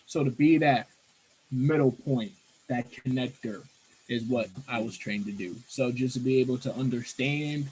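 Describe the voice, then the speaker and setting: A man, a guest who counsels at a college, explaining something earnestly and in a measured way. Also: medium pitch, darkish tone, breathy edge, rough recording.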